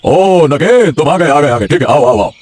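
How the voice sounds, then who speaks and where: A man voicing a calm, scheming village patron in a cartoon, measured and pondering. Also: a little high, close to an everyday voice. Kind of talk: cartoon voice acting. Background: background music.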